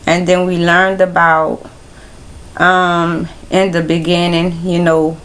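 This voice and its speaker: A woman hosting a casual Bible study livestream, talking in a relaxed, rambling way straight to her viewers. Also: fairly low pitch, takes it slowly. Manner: relaxed, rambling, speaks directly to viewers as y'all.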